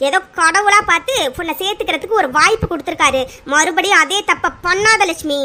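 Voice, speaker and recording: Cruel old grandmother, voiced by a woman: harsh, drawn-out taunts, bright tone. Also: very high voice. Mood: scolding. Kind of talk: cartoon serial voice acting.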